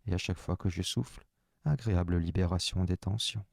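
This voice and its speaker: Very low, calm man guiding relaxation. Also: vocal fry, no echo, clean studio sound. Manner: slow, soft, calm first-person instructions. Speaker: relaxation guide. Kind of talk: guided sophrology relaxation.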